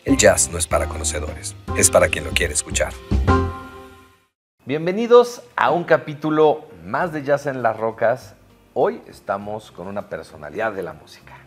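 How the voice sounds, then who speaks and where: A man hosting an interview show in a relaxed, chatty way with plenty of fillers. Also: fairly low pitch, normal speed, soft background music. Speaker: host.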